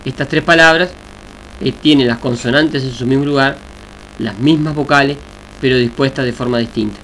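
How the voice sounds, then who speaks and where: A man teaching a recorded Yoruba language lesson, explaining slowly and deliberately with examples. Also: mid-range voice, fairly bright tone, low-quality recording. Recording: faint hiss and mains hum.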